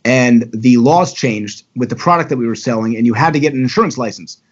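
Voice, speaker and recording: Man, husky voice, chatty and candid, guest storyteller, dull lo-fi audio. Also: medium pitch, fairly quick. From Baltimore area, USA. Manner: talkative, candid, energetic. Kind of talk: casual storytelling.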